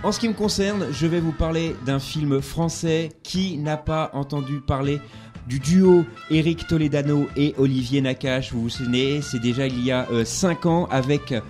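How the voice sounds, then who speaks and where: A man's voice: on the high side, moderate pace, darkish tone, soft background music. A man hosting a radio film review, chatty and upbeat, with frequent hesitations. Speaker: radio film columnist and host.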